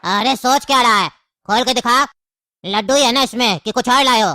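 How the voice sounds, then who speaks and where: A woman's voice: fairly high pitch, moderate pace, sharp tone, a little hiss or hum. A woman voicing an impatient male jail officer in a cartoon, barking orders. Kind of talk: cartoon comedy voice acting.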